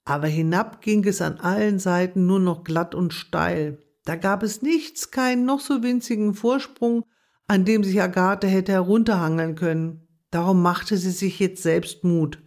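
A woman narrating a children's animal story in a calm, gentle reading voice. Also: fairly low pitch, measured pace.

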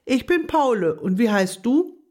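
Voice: medium pitch, sing-song, measured pace, darkish tone, voice pushed up. A reader doing a friendly sleepy raccoon. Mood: cheerful. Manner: easygoing, cheerful.

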